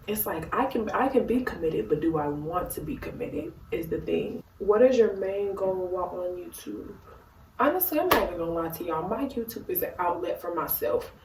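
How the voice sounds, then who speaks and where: A woman's voice: lowish voice, a little mellow. A tipsy woman chatting casually as a YouTuber answering questions, rambling in a goofy, giggly way. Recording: roomy echo, distant mic, faint noise.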